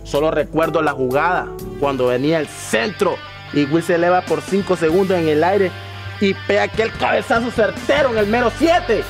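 A man plays an excitable Honduran football fan reliving old goals, who breaks into commentator-style goal calls. His voice is high, and music plays clearly beneath him. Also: moderate pace, close to an everyday voice. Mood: nostalgic. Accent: Honduran Spanish.

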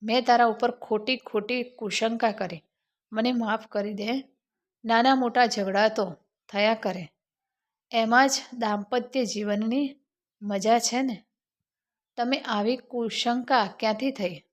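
A woman's voice: on the high side, fairly even intonation, takes it slowly, long pauses. A woman voicing a suspicious, anxious young wife in a spoken story. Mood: remorseful.

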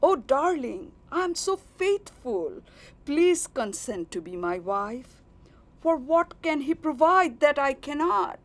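A woman voicing a jealous, boastful male moon in a recited poem, loud and excited. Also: high voice, slow, voice pushed up, full character voice. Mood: indignant. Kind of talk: poetry recitation.

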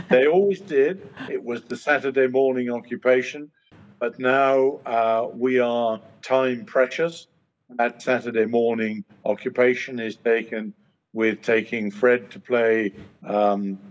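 Slow, measured older man on a video call. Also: mid-range voice, fairly even intonation. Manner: measured, many fillers and pauses. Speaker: trade association chairman, panelist. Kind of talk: video-call panel discussion. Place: home study, indoors. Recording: muffled video-call audio.

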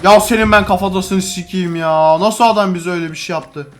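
A young man giving casual, foul-mouthed gaming commentary to a friend, excitable and full of exclamations. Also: high-pitched, a little fast, faint music behind. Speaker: gamer recording a co-op video.

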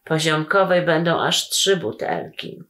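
A woman voicing Radek, a boy brother who builds paper planes and makes big, rapid boastful promises. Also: low voice, a bit bright.

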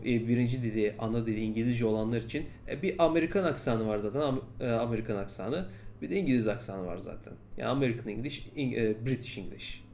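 A man who teaches English, speaking in a relaxed podcast style. He talks conversationally, circling back to restate the same point in new words. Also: mid-range voice, slight background noise. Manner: conversational, repeats and rephrases points. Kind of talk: casual podcast-style talk.

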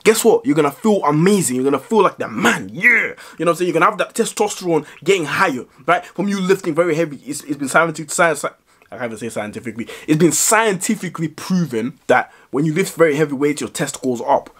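A man's voice: fairly high pitch, animated, fast, a bit bright, husky. A young man talking straight to camera in an advice vlog, blunt and heavy on swearing, tagging his points with "right?". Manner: blunt, profane, emphatic, with frequent "right?" tags. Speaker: vlogger.

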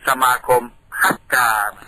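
A man's voice: measured pace, pushed and bright, poor audio. A man from Thailand, a radio guest patiently explaining things in a studio, telling them like a story.

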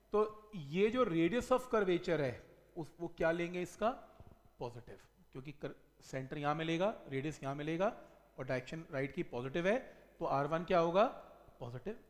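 High-voiced man lecturing at a whiteboard. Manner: asks questions and answers them himself, stressing each key word. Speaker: physics teacher. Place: classroom studio at a whiteboard. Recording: long reverb in the room.

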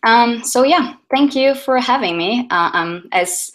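A woman's voice: on the high side, lively intonation, measured pace, a bit bright. Woman giving a chatty talk. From Brazil. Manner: chatty, self-correcting, lots of fillers. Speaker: conference speaker, UX designer. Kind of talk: conference talk.

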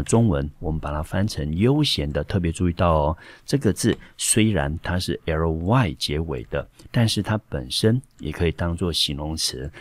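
A male high school English teacher with a Taiwanese Mandarin accent, explaining a textbook passage step by step with frequent fillers. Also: darkish tone, dry recording.

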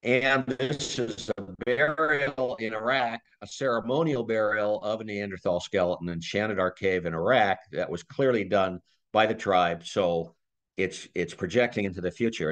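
A man's voice: fairly low pitch, normal speed. A man giving a conversational slide lecture, thinking aloud with restarts and small laughs. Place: community talk room.

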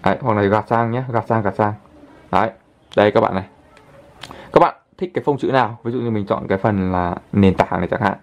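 A man hosting a casual app tutorial, chatting his way through each step and filling pauses with little pointer words. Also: on the low side. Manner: chatty, fills pauses with constant "đấy" and "đây". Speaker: channel host, tutorial presenter.

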